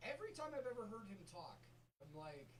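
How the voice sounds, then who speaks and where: A man reacting to a video, his voice bouncing up and down with excitement as he rattles off casual commentary. He sits back from the mic, and a steady noise hangs behind him. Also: high-pitched, a little fast. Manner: excitable, swears freely, laughs often. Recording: distant mic with loud background noise.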